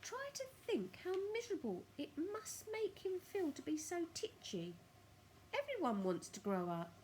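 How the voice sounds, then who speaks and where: A woman voicing a sweet, gushing widow in a children's storybook, with drawn-out, affectionate speech. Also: very high-pitched, huge pitch swings, a little mellow, slight background noise, pitched above the performer's own voice, exaggerated voice, low-quality recording. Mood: fretful, yearning. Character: sweet, gushing widow doting on her tortoise.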